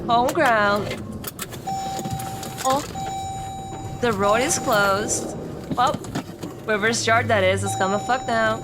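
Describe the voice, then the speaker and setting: A woman's voice: a little high, takes it slowly, long pauses, noisy background. A woman streamer giving casual live reaction commentary in a cute, playful anime-streamer manner.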